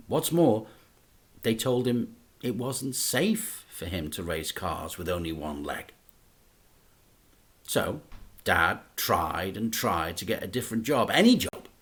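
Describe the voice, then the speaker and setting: A male teacher reads a children's book aloud, telling the story in an expressive, dramatic way. His voice sits low.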